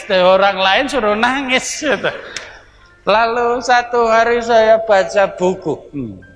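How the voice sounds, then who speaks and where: A man's voice: very high voice, a bit bright. A man, an evangelist telling his testimony in a sermon, laughing often and acting out the dialogue. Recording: hall reverb with faint music.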